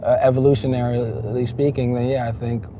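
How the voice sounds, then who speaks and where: A man's voice: mid-range voice, level tone, brisk, mellow, a little hiss or hum. A man, a rapper raised in the Netherlands, talking casually in an interview, emphatic and loose, with many fillers and restarts.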